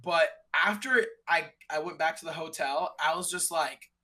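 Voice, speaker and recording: Bright-voiced young man telling a story. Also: fairly high pitch, normal speed. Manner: animated, slangy, acts out what others said. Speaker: streamer guest. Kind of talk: casual storytelling in a conversation.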